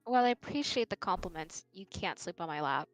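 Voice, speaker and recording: A woman's voice: on the low side, expressive, brisk, no echo, soft background music, natural voice. A woman streamer voicing a confident, teasing young woman in a visual novel, in a dry, self-assured way. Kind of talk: reading a visual novel role aloud.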